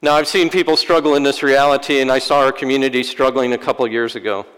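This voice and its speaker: A priest delivering a sermon in a church, with wry, self-deprecating humor. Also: male voice, mid-range voice, steady tone, fast, fairly bright tone, smooth. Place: church sanctuary. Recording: long church-hall reverb.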